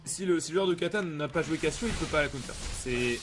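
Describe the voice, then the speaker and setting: A man's voice: a little high, fast. A man streaming a video game with casual, rambling commentary full of gamer slang and repetition. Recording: clear background noise.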